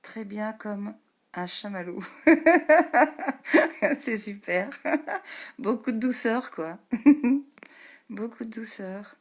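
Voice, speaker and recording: A woman energy healer hosting a live stream, greeting viewers by name in a slow, gentle way, often laughing and dropping into soft whispers; she says her voice is low. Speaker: energy healer and meditation host.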